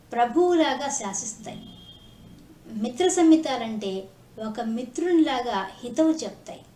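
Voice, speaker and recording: Woman preaching devotional talk, higher voice, echoey room w/ faint hiss, asks questions to crowd. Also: a little mellow. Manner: rhetorical questions, chants Sanskrit verses slowly. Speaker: spiritual discourse speaker. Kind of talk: devotional discourse.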